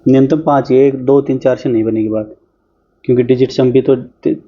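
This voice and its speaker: A man's voice: medium pitch, fairly even intonation, breathy edge, muffled recording. A man teaching an exam-prep math lesson, talking chattily while he works through problems on screen. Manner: brisk, chatty, talks while solving on screen.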